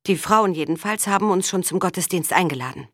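A woman's voice: on the low side, fast talker, no room sound, clean studio sound, close to an everyday voice. A woman reading the part of a young woman explaining things, a little resigned.

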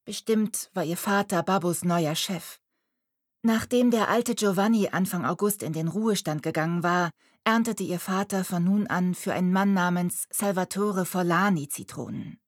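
Lower-voiced woman narrating a storybook. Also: normal speed, dry recording, studio quality. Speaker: audiobook narrator.

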